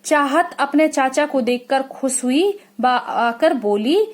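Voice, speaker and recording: A woman school teacher giving a lesson to children. She asks questions, answers them herself and repeats things slowly. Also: high voice, animated. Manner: slow, repetitive explaining.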